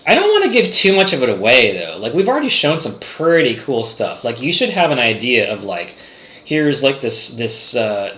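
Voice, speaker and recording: A man chats loosely with his viewers while streaming from home, full of fillers and restarts. His voice is bright and forward. The room gives it a noticeable echo. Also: medium pitch. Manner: rambling, many fillers and restarts. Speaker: game developer streamer. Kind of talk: casual livestream chat reading chat.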